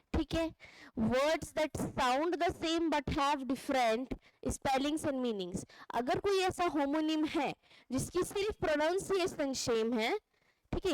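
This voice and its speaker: A woman's voice: high voice, no room sound, rough recording. A woman teaching an English lesson, asking questions and answering them herself. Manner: asks questions and answers them herself, ends points with "theek hai". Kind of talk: classroom lesson explaining grammar.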